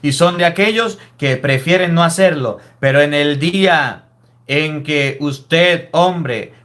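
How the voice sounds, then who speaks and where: High-voiced priest preaching. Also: male voice, a bit bright. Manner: emphatic, scolding preaching with rhetorical questions. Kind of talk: sermon.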